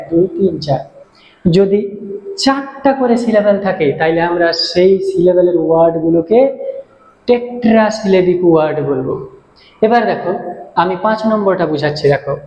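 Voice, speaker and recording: A man teaching English in a slow classroom explanation, speaking with a Bengali accent and counting out syllables one by one. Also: high voice, darkish tone. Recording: echoey room with faint background hiss.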